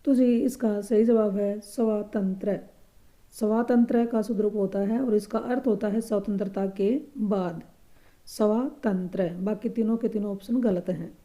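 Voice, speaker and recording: A woman teaching a grammar lesson for exam preparation, patiently explaining answers and repeating each correct word slowly and softly. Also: mid-range voice, fairly even intonation.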